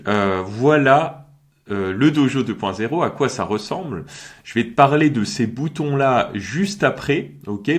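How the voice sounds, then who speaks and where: A man talking casually through a screen-share software tutorial, chatty and full of fillers and quick check-ins with the viewer. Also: mid-range voice. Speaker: magician and course creator.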